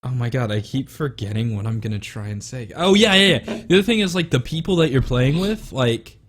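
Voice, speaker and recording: A man's voice: mid-range voice, lively intonation, a little fast, fairly bright tone. A man co-hosting a podcast in casual, rambling chat with many fillers. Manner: rambling, full of fillers and restarts. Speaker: podcast co-host.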